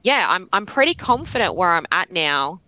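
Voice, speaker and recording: This is an Australian woman chatting as a podcast guest, her voice bright and forceful. She talks in quick, candid runs with a lot of energy. The sound is dry and close. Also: lowish voice, no echo, lo-fi sound. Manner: energetic, fast-flowing and candid. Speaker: podcast guest, veterans recruiter. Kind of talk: casual podcast chat.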